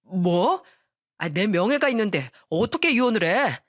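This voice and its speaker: A woman's voice: medium pitch, very animated, measured pace, no room sound, studio quality. A woman voicing a self-centered husband who talks in a defensive, irritated way.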